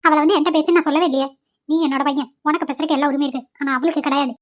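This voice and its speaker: A domineering cartoon mother-in-law, voiced by a woman, cold and harsh, firing off quick scolding lines. The voice sits high and moves fast. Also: fairly even intonation, lightly acted. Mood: scornful. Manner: sharp, scolding.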